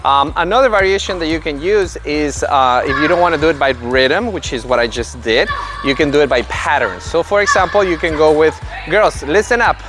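In an instructional video, a tennis coach in his thirties with a fairly high voice runs a children's lesson on a large indoor court, faint music underneath. He alternates between explaining drills to parents and calling upbeat, encouraging commands to the kids, speaking expressively and fairly quickly.

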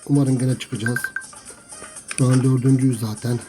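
A man talks his viewers through a mobile match in a mid-pitched voice. He grumbles about the game and trash-talks the opponents he faces. Loud game music plays under his voice throughout. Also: little pitch movement, moderate pace, rough recording. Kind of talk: gameplay commentary to viewers.

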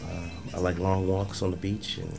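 A man's voice: sits low, little pitch movement, normal speed, creaky. A man from Western New York, a guest musician on a radio talk show, laid-back and joking. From Western New York, United States. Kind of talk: casual talk show self-introduction. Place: small radio studio. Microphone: studio mic with headphones. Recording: music playing in the background.

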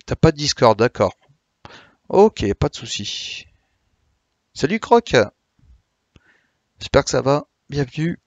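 A tired man chatting live with his stream viewers, filling his sentences with hesitations and restarts as he explains things. His voice sits at a middle pitch and sounds dry and close, with no room around it. He keeps a friendly, unhurried way of answering questions. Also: big pitch swings, no room sound, dull audio. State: a bit tired. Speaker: Twitch streamer.

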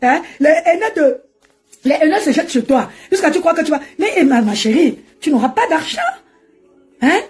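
A woman's voice: sits high, expressive, moderate pace, darkish tone. A woman ranting and mocking on a live stream from home, laughing often as she talks into her phone. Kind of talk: animated Facebook live rant.

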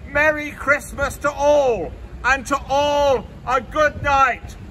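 Male town crier, 60s, forceful declaimed proclamation, unhurried delivery, outdoor street with some traffic noise. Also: extremely high pitch, rough recording. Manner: declaiming loudly and slowly in town crier manner, projecting to the street.

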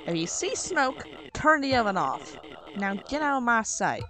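A woman voicing a gruff, bossy man who runs a kitchen, scolding and barking orders in a put-on American Southern accent. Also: a little high, very animated, unhurried, sharp tone, exaggerated voice.

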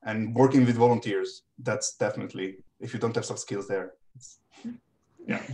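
A man who heads a school's game department, introducing himself in a relaxed way that trails off. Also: on the low side, moderate pace.

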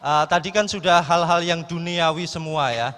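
A man's voice: on the high side, moderate pace, fairly bright tone, smooth. A man hosting a live event from the stage as MC. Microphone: handheld microphone. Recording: echoey hall through stage PA.

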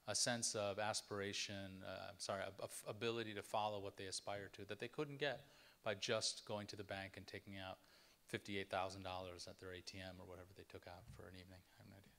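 Male author at a lecture, low-pitched, reflective, thinks out loud. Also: flat delivery, fast. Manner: reflective, asking questions aloud. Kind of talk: lecture with a book reading. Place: lecture hall.

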